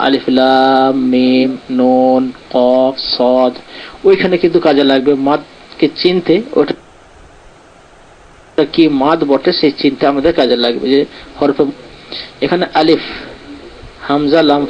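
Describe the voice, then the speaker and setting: A man's voice: fairly high pitch, dull audio, slight background noise. A man teaching an online lesson, patiently explaining step by step and reading from a textbook. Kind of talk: online lesson on Arabic letters and pronunciation.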